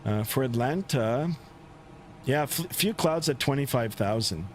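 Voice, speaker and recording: Casual male streamer over faint engine rumble. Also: a little slow. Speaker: flight simulator livestream host. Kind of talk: casual livestream commentary. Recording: steady aircraft rumble behind voice.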